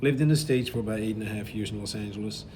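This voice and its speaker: A middle-aged man from Belgium, a cruise director, answering interview questions in a relaxed, explanatory way with frequent fillers. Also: on the low side, rapid-fire, background noise. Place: aboard a river cruise ship.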